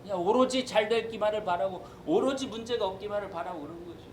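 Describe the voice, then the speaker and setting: A man's voice: sits high, quick pace, a little mellow, slight background noise, poor audio. A man preaching a sermon as pastor, emphatic and acting out the voices he quotes.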